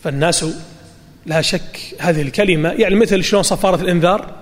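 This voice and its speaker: A man giving a sermon, retelling a story dramatically and rising to near shouts on quoted cries. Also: sits high, fast talker. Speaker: preacher. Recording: long reverb.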